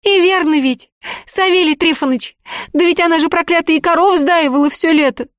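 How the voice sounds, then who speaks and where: A woman voicing a young peasant girl who pleads tearfully in a high, quick voice. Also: no room sound, clean studio sound. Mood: pleading.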